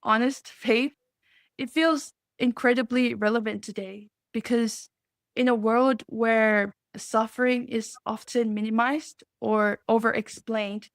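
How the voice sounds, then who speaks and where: Young woman from Samoa, bright and earnest. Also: on the high side, no room sound, studio quality. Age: young adult. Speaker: guest. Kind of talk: podcast interview.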